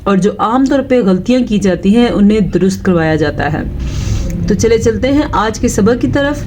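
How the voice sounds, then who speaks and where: A woman teaching Quran recitation step by step, explaining patiently and drawing out each recited word slowly. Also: mid-range voice, darkish tone. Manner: slow, patient explaining with drawn-out recited words.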